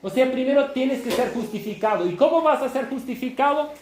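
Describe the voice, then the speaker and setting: A man preaching a sermon, emphatic and half shouting, often checking in with listeners. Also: very high voice, lively intonation, a little fast, a little hiss or hum. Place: church hall. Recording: echoey church room.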